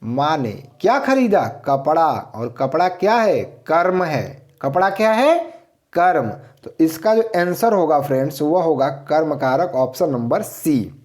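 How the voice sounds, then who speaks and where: Slow, lively male grammar teacher. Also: a little high. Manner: explains slowly, repeats answers, asks and answers own questions. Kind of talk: grammar lesson.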